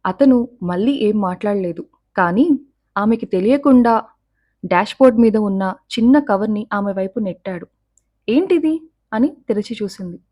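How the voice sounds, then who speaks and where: A woman storyteller reading a scripted love story in a calm, measured way. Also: mid-range voice.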